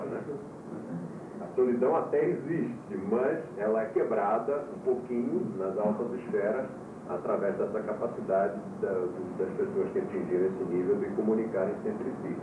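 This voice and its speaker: A man who is a yoga teacher lectures to his students, explaining calmly and jumping up in pitch when he stresses a point, heard from an old VHS tape. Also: normal speed. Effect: old VHS tape recording. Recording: tinny, roomy, distant, hissy old VHS tape.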